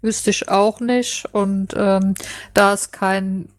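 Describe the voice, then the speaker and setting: A woman chairing a party board meeting, speaking in a measured way with hesitant fillers. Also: medium pitch, fairly even intonation, no room sound. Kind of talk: meeting discussion.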